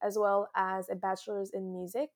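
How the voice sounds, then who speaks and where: A woman's voice: mid-range voice, flat delivery, moderate pace. A young woman from France, a podcast guest, talking casually over a video call, laughing and rambling a little. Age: young adult. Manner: giggly, rambling, self-deprecating. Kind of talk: casual interview.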